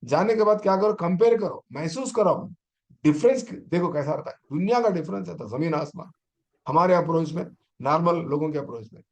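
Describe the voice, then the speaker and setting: A man's voice: a little high, darkish tone. A middle-aged man, a teacher trainer giving an online exam-prep lecture and urging his students on with rhetorical questions.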